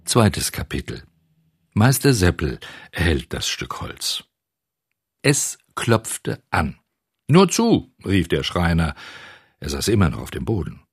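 A man reading a children's storybook aloud with expressive, animated narration. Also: low voice, unhurried, husky, no echo, clean studio sound.

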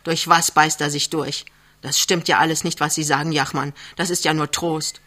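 A man's voice: a little high, fairly even intonation, a little fast, bright, forceful tone. A man reading aloud and voicing a worried young wife who speaks earnestly and pleads with an older friend, in a scripted storybook reading. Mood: upset.

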